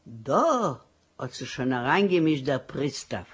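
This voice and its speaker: A woman's voice: rumbling low, sing-song, slow, slightly rough, exaggerated voice. A woman performing a dramatic monologue as a poor grieving widow with five children, in a wailing, sing-song lament.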